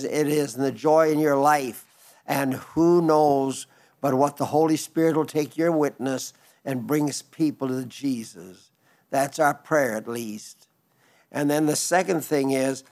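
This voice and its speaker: A man in his nineties, a radio preacher, delivers a broadcast sermon in a fairly high voice. He reads listener letters gently and ramblingly, often restarting his sentences.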